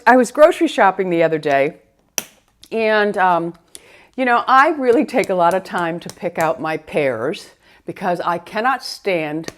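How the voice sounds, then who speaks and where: A middle-aged woman beauty vlogger in a casual get-ready-with-me chat, rambling conversationally and talking straight to viewers. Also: mid-range voice.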